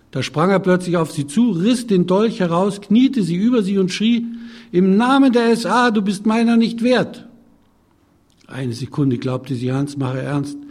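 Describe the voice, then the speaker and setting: Older male author at a public reading; dark, husky voice, slightly high, dry irony. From Germany. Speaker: author reading his own book.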